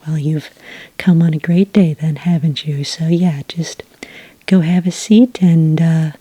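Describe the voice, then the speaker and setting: A deep-voiced woman whispers breathily, her intonation fairly even, as she plays a warm, obliging witch serving customers at a quaint cafe in a soft-spoken ASMR roleplay. Unhurried and chatty, she's recorded up close on a dry microphone with no echo.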